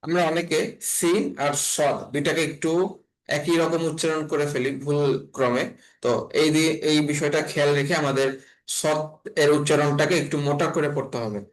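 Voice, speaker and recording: A man from Bangladesh teaching an online class on letter pronunciation, speaking slowly and repeating each sound several times. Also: on the high side, steady tone, low-quality recording. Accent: Bangladeshi Bengali. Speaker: Quran reading teacher.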